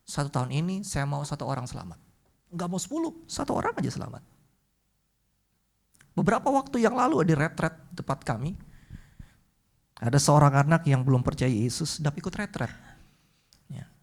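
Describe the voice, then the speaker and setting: A woman preaching a sermon, speaking straight to the congregation and telling a story that swings between hushed, quiet passages and loud, excited ones. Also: low-pitched.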